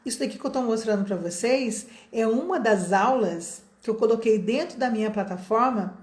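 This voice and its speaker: Middle-aged Brazilian woman, English teacher, patient and explanatory, slightly high voice, roomy echo. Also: a little mellow. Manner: explains patiently, stretching out example sentences slowly. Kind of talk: online English lesson.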